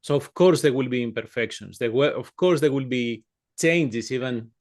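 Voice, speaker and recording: A man's voice: mid-range voice, moderate pace, a little mellow. Greek guy hosting a metal interview, friendly, keen questions, mid voice. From Greece. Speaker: interviewer, host. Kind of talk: casual interview.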